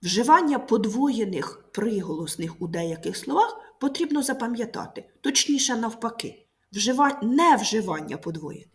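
A woman teacher giving a recorded grammar lesson to pupils, speaking clearly and slowly, stressing each word. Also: a little high, big pitch swings.

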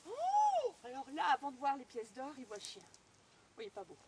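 A woman's voice: sits high, brisk, noisy background. A woman telling a fairy tale aloud to a live audience, talking straight to her listeners. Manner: animated, addresses listeners directly. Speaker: storyteller. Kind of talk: live oral storytelling. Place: outdoors on a storytelling walk.

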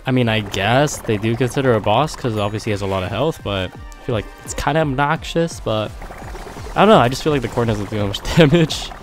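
A young man with a stuffy nose from being sick, quietly commenting on his own gameplay in slangy, casual talk under his breath. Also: mid-range voice, fairly quick. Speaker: gameplay streamer. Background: game music.

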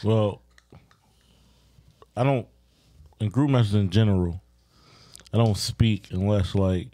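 A man co-hosting a casual podcast chat, laid-back and halting, swearing casually. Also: on the low side, warm tone, no room sound. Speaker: podcast co-host. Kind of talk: casual chat among friends.

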